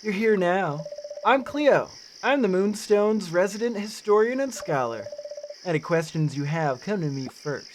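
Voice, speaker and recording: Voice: medium pitch, expressive, unhurried, slight background noise, close to an everyday voice. A streamer reading the lines of a welcoming female historian from a cozy game, formal and gracious.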